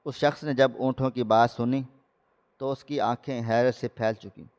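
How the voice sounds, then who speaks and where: A man's voice: medium pitch, steady tone, darkish tone, clean tone, long reverb tail. A male storyteller narrating a dramatic moral tale in a scripted reading style.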